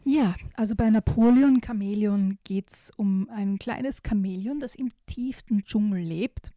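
A woman presents children's picture books, reading passages aloud in a soft, mellow voice and then chatting to a young listener with small fillers. Her pitch sits in an ordinary middle range. The sound is dry and close, with no room around it. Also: a little slow, dry recording. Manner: lively storytelling with shifted voices for animals.

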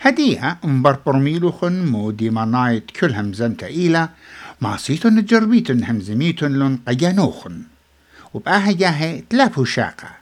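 Lesson teacher, animated pitch, explains phrase by phrase, cues repetition. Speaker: language teacher.

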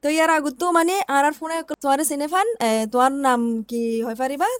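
A woman's voice: sits high, fast talker, no room sound. A woman who is a native Rohingya speaker, interviewing someone as a radio host.

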